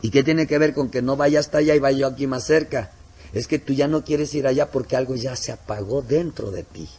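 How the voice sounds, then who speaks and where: Animated male preacher. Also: a little fast. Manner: preaching with sharp swings in pitch and loudness; acts out both sides of dialogues, softening for asides. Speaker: pastor. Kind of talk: sermon.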